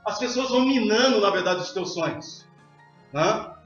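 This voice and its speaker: A pastor preaches with a strikingly high voice and emphatic appeals to the congregation. The sound is heavily echoey, heard from some distance through a dull recording with faint music underneath. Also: male voice, expressive, moderate pace, fairly bright tone. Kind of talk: sermon. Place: church hall.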